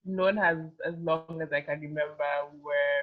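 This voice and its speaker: A fashion model from Uganda, in her twenties, rambles at a normal speed during a casual interview, saying "like" a lot. Her voice is low with fairly even intonation, and the audio is tinny, as if from a phone call.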